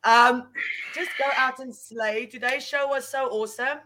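A woman's voice: sits high, fairly even intonation, measured pace, noisy background. A woman co-hosting a casual live show, sharing an inspirational message with enthusiasm. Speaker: co-host. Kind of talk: casual live-stream chat.

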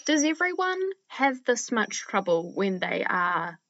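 Woman co-host, slight lisp, bright forceful voice, dry close sound, playful and chatty. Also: medium pitch, sing-song, measured pace, dry recording, highs cut off. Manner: chatty, playful, laughs often. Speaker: podcast co-host. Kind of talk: casual chat.

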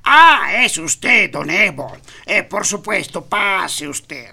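A nervous, stammering psychiatrist, as a man acts him out in a comedy sketch. His voice is high, gravelly and husky, with a sharp, tense edge. He talks slowly and tries to soothe his patient. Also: very animated, exaggerated voice. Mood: fussy, soothing.

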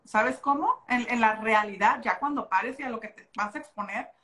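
Animated Mexican woman telling stories. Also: on the high side, normal speed. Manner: animated storytelling, slangy, expressive. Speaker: podcast co-host. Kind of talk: casual chat about motherhood.

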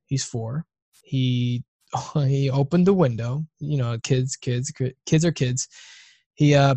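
A man in his thirties rambles through a casual conversation, cursing freely and circling back over his own words. His voice is of middling pitch and sits close and dry, with no room sound around it. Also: no echo. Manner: rambling, profane, restarts often.

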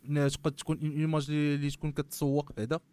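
Very fast-talking Moroccan man, clear voice. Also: fairly high pitch, completely flat delivery, a little mellow. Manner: switches often into French terms. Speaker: guest commentator on football club marketing. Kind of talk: panel discussion, giving analysis.

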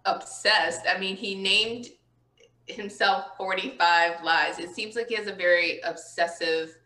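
A woman co-hosting a casual live chat show, chatty and quick to laugh. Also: medium pitch, pushed and bright, echoey room. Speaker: livestream co-host.

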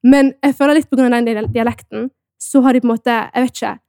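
A young woman with a Bergen Norwegian accent, co-hosting a podcast and telling stories in animated, casual chat with English words mixed in. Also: fairly high pitch, creaky, dry recording, clean studio sound. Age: young adult. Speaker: podcast co-host.

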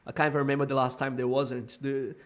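A man, a guest coach in a casual sports chat, speaking English as a with thoughtful, halting phrasing. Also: medium pitch, level tone. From Brazil. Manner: thoughtful, hesitant, repeats words while searching for them.

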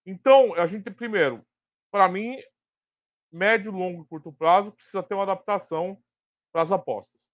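A Brazilian man speaks in a high voice with a slight lisp. He hosts a live discussion off the cuff, stressing and repeating key phrases as he works through his point. The sound is dry and a bit dull, like a lo-fi stream. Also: normal speed, no echo. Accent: Brazilian Portuguese. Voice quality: slight tongue-tied lisp. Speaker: host of a live sports betting talk stream. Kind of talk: unscripted live commentary and discussion.

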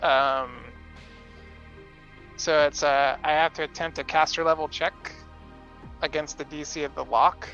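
Hesitant man player, bright gravelly voice. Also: on the high side, level tone, unhurried, long pauses, highs cut off, soft background music. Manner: hesitant, many fillers. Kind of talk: casual tabletop game chat.

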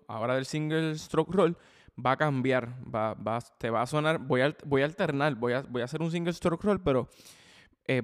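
A man's voice: mid-range voice, clear, resonant tone. Guy teaching drums on his podcast, chatty, keeps checking in with you, long hall echo. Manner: chatty, repeats words and restarts phrases often; checks in with the listener a lot. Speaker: drum teacher and podcast host. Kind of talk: casual spoken drum lesson.

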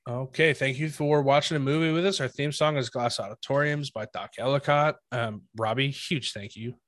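A man's voice: mid-range voice, normal speed, dry recording. Chatty man hosting a podcast. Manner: relaxed, chatty, many fillers. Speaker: podcast host. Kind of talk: casual chat.

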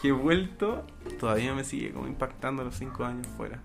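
A man's voice: medium pitch, animated, quick pace, gravelly, over music. A young man with a Chilean accent, co-hosting a podcast, rambling and searching for words. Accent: Chilean Spanish. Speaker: podcast co-host. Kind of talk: casual chat.

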